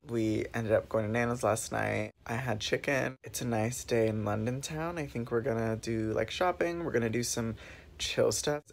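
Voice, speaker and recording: A man's voice: lowish voice, vocal fry. Young American man, casual travel vlogger, chatty and loose, filmed on a handheld camera with street noise behind. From United States. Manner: chatty, lots of "like" fillers. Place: outdoors on city streets and in a hotel room. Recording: noisy street background.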